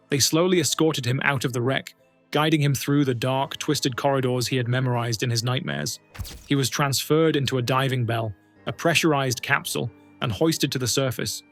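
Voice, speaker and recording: A man's voice: mid-range voice, a bit bright. A man giving scripted documentary narration, telling a true story in a dramatic, suspenseful way.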